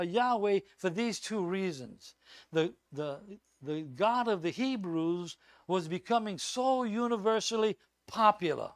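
A male guest preacher delivering an emphatic, animated sermon full of asides and repetitions. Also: high-pitched, no room sound.

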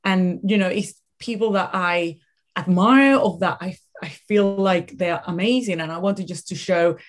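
A woman with a Venezuelan accent speaks as a guest in a conversational interview. Her voice sits a little low. She tells stories emphatically and often doubles back on her words for stress. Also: measured pace. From Caracas, Venezuela. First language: Spanish. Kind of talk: conversational storytelling.

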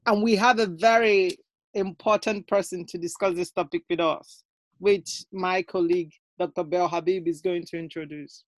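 A woman opens a podcast episode with a measured, formal delivery. Her voice is recorded dry and close, with no room sound around it. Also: on the low side, fairly even intonation, dry recording. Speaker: podcast host. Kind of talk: scripted podcast introduction.

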